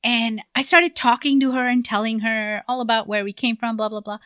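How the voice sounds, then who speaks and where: A woman co-hosting a podcast, telling an anecdote in a quick, lively way. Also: fairly high pitch, smooth, no echo, clean studio sound. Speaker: podcast co-host. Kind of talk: casual podcast chat.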